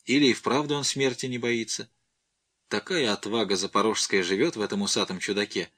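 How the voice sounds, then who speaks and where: A man's voice: fairly low pitch, steady tone, a little fast, a bit bright, husky, dry recording, studio quality. Guy reading as a cold menacing warlord, broods to himself then barks orders, audiobook. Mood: brooding.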